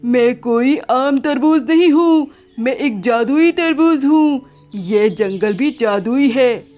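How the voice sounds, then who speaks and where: A woman voicing a kind male magic watermelon who speaks in a gentle, reassuring way. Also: high-pitched, takes it slowly, lo-fi sound.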